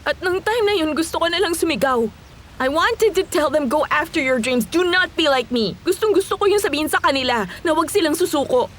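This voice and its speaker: A woman's voice: high voice, animated, fairly quick, slight background noise. An actress dubbing a distraught, fed-up young woman who switches between Tagalog and English. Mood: despairing. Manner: emotional, mixing Tagalog with English. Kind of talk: Tagalog drama dub.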